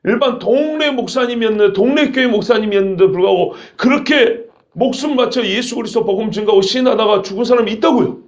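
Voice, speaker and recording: A man's voice: sits high, fast, highs cut off. A middle-aged man preaching a sermon as pastor, earnest and emphatic, asking his listeners rhetorical questions.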